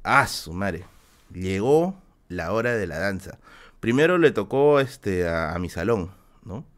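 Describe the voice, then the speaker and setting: A man's voice: lowish voice, animated, measured pace. A young man with a Peruvian Spanish accent telling a story in casual podcast talk, slangy and acting out quoted voices. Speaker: podcast host.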